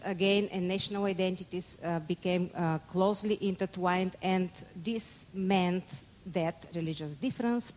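A woman in her forties, originally from Bulgaria, speaks as a conference lecturer in a somewhat low voice. She talks into a handheld microphone in an indoor conference room, pausing often and correcting herself. A faint hum sits underneath. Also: darkish tone. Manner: measured, many hesitations and self-corrections. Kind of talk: academic conference talk.

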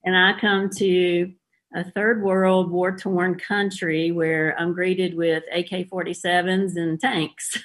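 A woman's voice: on the low side, level tone, takes it slowly. A middle-aged woman with a Southern US accent, a former police officer telling her story plainly as a guest in an interview.

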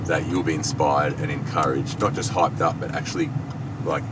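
A man in his thirties, a worship leader, chatting as a guest in a moving car, earnest and then telling a lively story. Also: a bass voice, normal speed. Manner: earnest, turns into animated storytelling. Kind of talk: casual chat. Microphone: dashboard camera mic. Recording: loud car and road noise.

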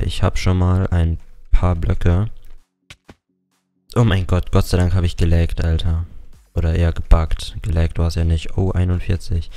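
A man's voice: low-pitched, vocal fry, mellow. A young man chatting casually at home while playing a game, rambling and swearing now and then. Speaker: gaming YouTuber. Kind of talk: casual Let's Play commentary. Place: home room. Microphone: desktop mic with facecam.

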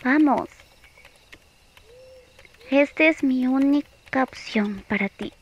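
A woman plays a playful, pouty young girlfriend in an ASMR role-play, coaxing slowly with teasing hums and pauses. Her high-pitched voice is exaggerated, and the sound is lo-fi.

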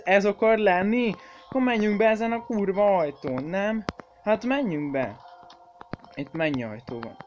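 A man's voice: high voice, highs cut off, a little hiss or hum. A man hosting a horror game let's play, swearing, jumpy and shrieking whenever something startles him, and chatting to viewers he calls kids. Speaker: gaming channel host.

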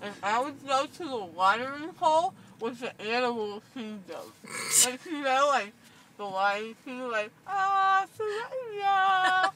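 A woman's voice: on the high side, lively intonation, unhurried. A young woman chatting giddily and loopily, her speech slurred by a numb mouth stuffed with gauze after dental surgery. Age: young adult. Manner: loopy, giddy rambling. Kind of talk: casual chat. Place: inside a car. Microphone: handheld phone in the car, a little away. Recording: distant car recording with road noise.

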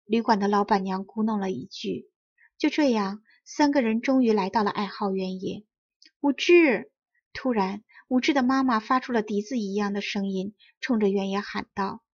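A woman reading a children's story aloud in clear, carefully enunciated storybook narration. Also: mid-range voice, normal speed, muffled recording. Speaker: audiobook reader.

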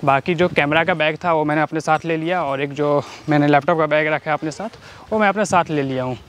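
A man's voice: on the high side, brisk, fairly bright tone, low-quality recording. A young man in his twenties narrating a casual travel vlog outdoors, chatting with viewers as he walks and rides. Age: 20s. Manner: chatty, keeps addressing viewers as brother. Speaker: travel vlogger. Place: outdoors on roads and forest trails. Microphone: handheld action camera and bike-mounted camera. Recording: outdoor noise on a camera mic.

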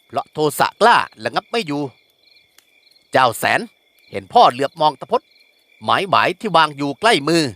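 A man narrating a classic Thai novel aloud, telling the story in an animated way. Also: a little high, moderate pace, long pauses, no room sound. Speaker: novel reader.

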